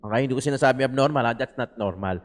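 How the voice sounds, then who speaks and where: A man's voice: medium pitch, rapid-fire. Filipino man rambling in casual commentary. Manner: rambling, mixes Tagalog and English, repeats "di ba?". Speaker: political vlogger.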